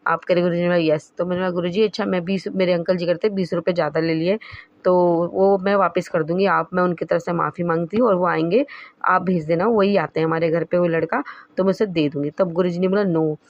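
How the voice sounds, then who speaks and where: A woman's voice: lowish voice, steady tone, quick pace, dry recording, muffled recording. A woman sharing a devotional testimony in an earnest, emotional way, rambling and restarting, recorded as a phone voice note.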